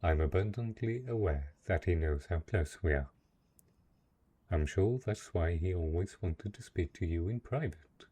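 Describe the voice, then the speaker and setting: In a fantasy romance audio roleplay, a man voices a lonely, possessive dark knight, his low, husky voice brooding and jealous. He speaks in hesitant, earnest, formal phrases at a measured pace, with an expressive, exaggerated delivery.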